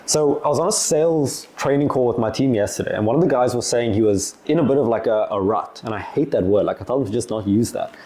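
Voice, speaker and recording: A man's voice: medium pitch, fast talker, hardly any pauses, dark tone. A young man in his twenties, an agency owner, answering viewer questions in a loose, chatty way with lots of fillers. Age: 20s. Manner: loose and chatty, lots of "like", acts out little dialogues. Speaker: agency owner giving business advice. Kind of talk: casual talking-head Q&A.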